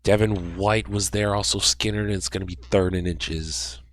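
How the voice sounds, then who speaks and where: A young man giving excited sportscaster-style play-by-play over a football video game, with rambling asides. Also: low-pitched, moderate pace, dry recording. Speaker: gaming YouTuber.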